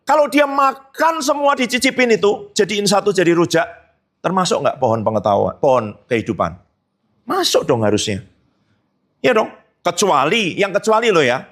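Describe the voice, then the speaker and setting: A man preaching a sermon as pastor, asking the congregation rhetorical questions and slipping in casual joking asides. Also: moderate pace. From Indonesia. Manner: animated preaching with sudden high emphatic jumps and rhetorical questions.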